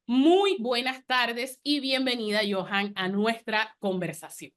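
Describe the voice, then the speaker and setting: A woman's voice: fairly high pitch, slow, fairly bright tone. A woman moderating a panel conversation, formally introducing guests and posing the opening question. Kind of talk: reading a guest introduction, then hosting.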